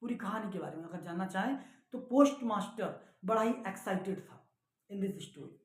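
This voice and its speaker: A man's voice: high voice, lively intonation, normal speed. Indian male English teacher, lesson explainer who keeps checking his students follow, recorded in a reverberant room. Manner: explains line by line in Hindi and English, often asks "clear hai beta". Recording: echoey room.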